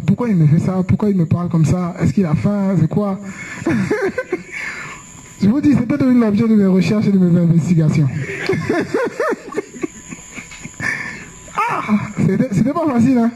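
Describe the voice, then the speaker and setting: A man's voice: high voice, lively intonation, brisk, warm tone, slight background noise, low-quality recording. A young man preaching a conversational sermon, telling personal stories and asking rhetorical questions.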